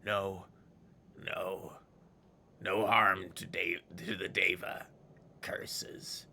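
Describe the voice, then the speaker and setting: A man voicing a bitter, scornful old exiled fiend for a game, with a gravelly, ghoulish voice and theatrical, villainous delivery that savors its words. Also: deep voice, little pitch movement, drawn-out words, bright, forceful tone, slight background noise, full character voice. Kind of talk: dramatic video game character read-aloud.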